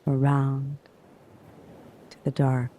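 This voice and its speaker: A man narrating a guided sleep hypnosis in a hushed, soothing manner, in drawn-out phrases with long pauses. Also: medium pitch, monotone, slight background noise.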